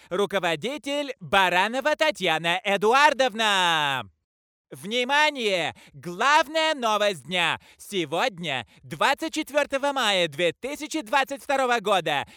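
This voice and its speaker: High, animated festive announcer man. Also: clear, resonant tone, no room sound, clean studio sound. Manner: declamatory, drawn-out, festive. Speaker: ceremony announcer. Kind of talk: formal ceremonial announcement.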